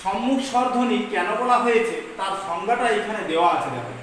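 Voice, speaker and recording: A woman teacher dictating a grammar lesson slowly, repeating each phrase so students can take notes. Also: medium pitch. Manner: slow dictation, repeating phrases for note-taking. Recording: very echoey room, distant mic, faint noise.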